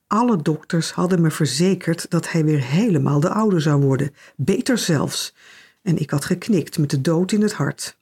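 A woman reads a novel aloud in the first person, keeping her delivery dry, wry and understated. Her voice has a gravelly texture. A husky grain runs through it. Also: low voice, darkish tone. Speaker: audiobook narrator. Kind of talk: first-person literary narration.

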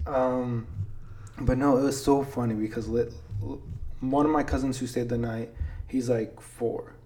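In a mellow, mid-range voice with fairly even intonation, a young podcast host takes his time telling family stories in casual chat. He's laid-back and constantly drops "dude" and "like."

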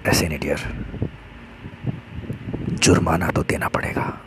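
A man's voice: very deep voice, flat delivery, quick pace, very noisy. Man putting on a stern, whispery young woman. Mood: stern menace. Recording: loud background music.

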